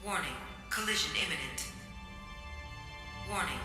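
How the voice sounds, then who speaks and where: A calm, even computer voice reads automated alerts in a measured tone. The voice rings out with a heavy echo. Loud game music plays behind it. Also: medium pitch. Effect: automated computer announcement. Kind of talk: video game dialogue. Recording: echoey game audio with music.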